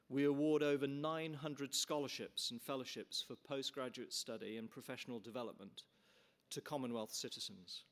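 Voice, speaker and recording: In a conference hall, the chair, a middle-aged man from Canada, gives a formal welcome with real earnestness, speaking at a medium pitch. His delivery is marked by frequent restarts and filler words.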